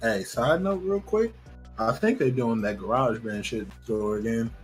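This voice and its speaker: A man co-hosting a casual gaming podcast, trading animated slangy jokes with plenty of swearing. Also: mid-range voice, normal speed, soft background music. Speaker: podcast co-host.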